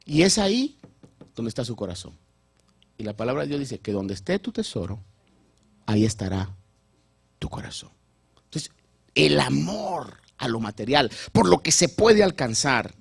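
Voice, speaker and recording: Animated, husky male pastor preaching. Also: medium pitch, moderate pace, long pauses, no echo. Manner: animated, repeats words while building a point. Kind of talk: sermon.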